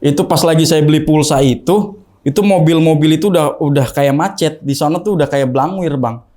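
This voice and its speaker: A young man telling a ghost story in casual talk, acting out the quoted voices in a higher pitch. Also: a little fast. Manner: animated, acts out the quoted voices with rising pitch. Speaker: guest storyteller.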